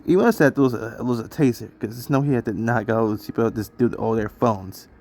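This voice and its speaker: A man's voice: medium pitch, fairly quick, creaky, a little mellow. A young man giving casual, incredulous commentary while reacting to a video. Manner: incredulous, chatty asides.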